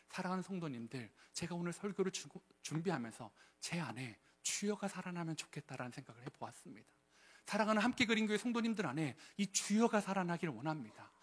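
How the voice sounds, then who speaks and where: Lively, high-voiced male preacher. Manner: lively preaching with questions to the congregation. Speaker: pastor. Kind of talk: sermon.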